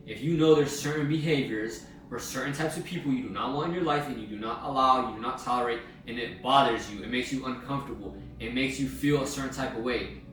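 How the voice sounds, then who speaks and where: A young man delivers a blunt, slangy self-help monologue in a casual motivational style, swearing freely. His mid-range voice has a fairly bright tone, picked up by a distant mic in a very echoey room with music behind.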